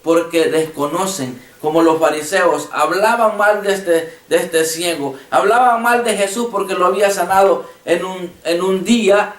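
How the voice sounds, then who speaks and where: A man's voice: high voice, measured pace, few pauses, a bit bright, echoey room, recorded from a distance. A man preaching a passionate sermon as pastor, retelling conversations with his congregation. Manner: impassioned preaching with retold dialogue. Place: church.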